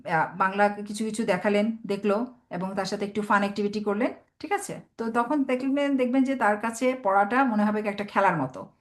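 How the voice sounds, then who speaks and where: Woman teaching parents in a webinar. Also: a little high. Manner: patient, explains step by step, sounds out words slowly.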